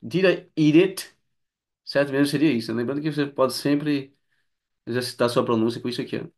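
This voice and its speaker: Male English tutor, Portuguese native, casual explanatory delivery, mid pitch. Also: quick pace. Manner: chatty, frequent "né?" tag questions, lively swings in pitch. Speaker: English teacher. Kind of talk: explaining grammar lesson.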